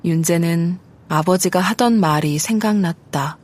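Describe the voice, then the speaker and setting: A woman reading an audiobook story aloud in a steady, measured narration. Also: fairly low pitch. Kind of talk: scripted narration.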